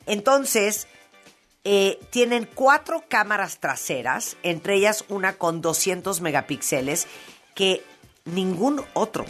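A woman's voice: medium pitch, lively intonation, takes it slowly, faint music behind. A woman, a native English speaker, hosting a casual talk show, chatting and reading sponsor copy in an upbeat way. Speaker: radio show host. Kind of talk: casual radio chat with ad reads.

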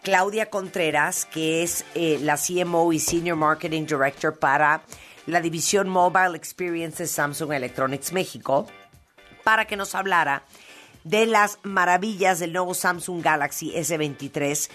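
Woman, native english speaker, low voice, chatty host, upbeat ad reads, soft music bed. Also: moderate pace. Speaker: radio show host. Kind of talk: casual radio chat with ad reads.

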